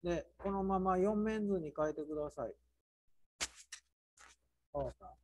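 A man with a Kansai accent teaching an architecture class through a software task, playful, with sound words and mock squeals. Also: high-pitched, unhurried, slight background noise. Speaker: architecture instructor.

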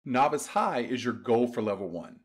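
A man teaching a beginners' language class, giving clear, patient step-by-step directions in a scripted voice-over. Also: mid-range voice, animated, moderate pace. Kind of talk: scripted instructional narration.

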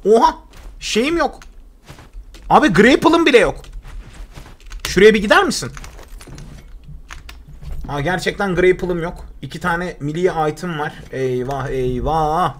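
Young guy streaming a game, kinda high voice, joking around and yelling now and then. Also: a little slow, pauses often. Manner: chatty, joking, excitable outbursts. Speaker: gaming streamer. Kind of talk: live gameplay commentary.

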